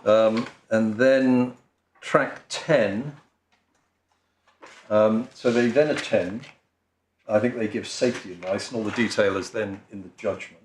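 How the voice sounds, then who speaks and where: A man's voice: on the low side, steady tone, measured pace, long pauses, slight background noise. An English man, a barrister addressing appeal judges, speaking hesitantly with frequent ums, restarts and apologies. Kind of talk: courtroom legal submission. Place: large courtroom. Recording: roomy courtroom audio.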